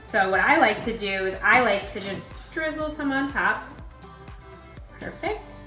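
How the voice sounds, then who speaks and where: A woman's voice: mid-range voice, animated, normal speed, bright, forceful tone. A woman joining a cooking show as a guest, cheerfully commenting while she tastes the food. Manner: cheerful, playful tasting comments. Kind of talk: casual cooking demonstration. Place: kitchen. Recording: echoey room, background music.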